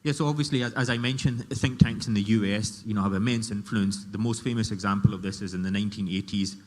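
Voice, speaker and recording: A man's voice: fairly low pitch, fairly even intonation, quick pace, a little mellow. A man speaking as a panelist at a conference, making emphatic, argumentative points. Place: large conference hall. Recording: long hall reverb.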